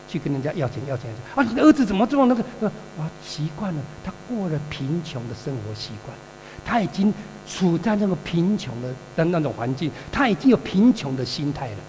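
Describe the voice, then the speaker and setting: A pastor preaching a sermon, telling the story vividly and calling out to the congregation for answers. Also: male voice, a little high. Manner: animated storytelling, calls for congregation responses. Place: church hall. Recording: reverberant hall with mains hum.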